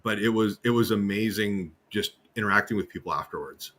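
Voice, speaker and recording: A man with a lowish voice telling stories from his hypnosis shows on a video call. He stammers over his openings and then gets animated as the anecdote builds. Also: a little fast. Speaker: stage hypnotist co-host. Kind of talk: casual storytelling chat. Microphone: online video call.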